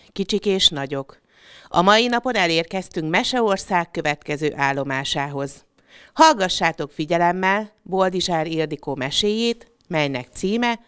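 A woman's voice: fairly low pitch, animated, a bit bright, clean tone, no echo, studio quality. Woman inviting children to a tale. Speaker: presenter introducing a tale. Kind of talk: addressing children.

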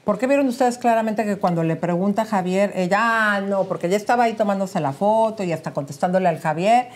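A woman co-host talks through celebrity gossip in a chatty, questioning manner. Her voice has a mellow, darker tone at a middle pitch. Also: fast talker. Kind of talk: casual gossip chat.

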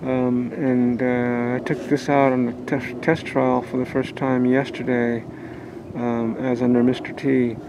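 A man who skippers boats for a youth sailing nonprofit walks viewers around his sailboat at the marina in a casual vlog, upbeat and rambling, filled with fillers. He speaks unhurriedly at a medium pitch with little variation in tone. Loud outdoor wind and water noise, along with boat sounds, comes through his handheld camera mic.

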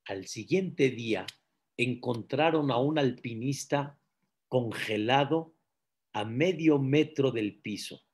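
A man, a rabbi, giving a sermon-style Torah class, telling a story and addressing his listeners directly. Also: medium pitch. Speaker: rabbi teaching Psalms.

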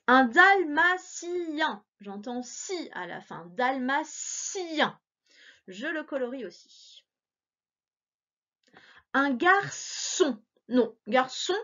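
A woman's voice: a little high, a bit bright. A woman teacher giving a remote reading lesson to young children, sounding out words syllable by syllable in a patient, encouraging way. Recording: dull lo-fi recording.

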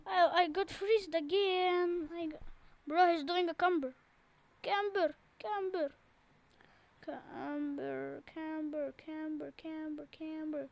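Very high-voiced excitable gamer woman. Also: slow pace. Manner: excitable, repeats phrases, pleading cries. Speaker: gaming channel host. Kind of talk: casual gameplay commentary.

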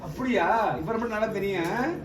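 A man's voice: sits high, a little fast, a crowd in the background. A man leading a ritual oracle session, coaxing and questioning people in a familiar way. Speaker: temple oracle medium. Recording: echoey, distant mic, loud background noise.

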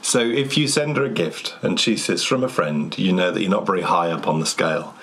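A man's voice: low-pitched, a little fast, fairly bright tone. A man co-hosting a knitting show in casual chat, teasing and playful in his banter.

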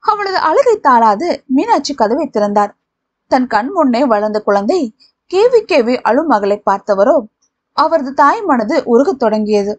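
A woman narrating a novel as an audiobook reader, with expressive storytelling. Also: high-pitched, measured pace, dry recording.

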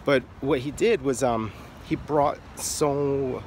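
A man's voice: mid-range voice, takes it slowly, darkish tone, slight background noise. A man giving casual, frank explanatory talk about art in an offhand, irreverent manner. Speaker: artist and video creator.

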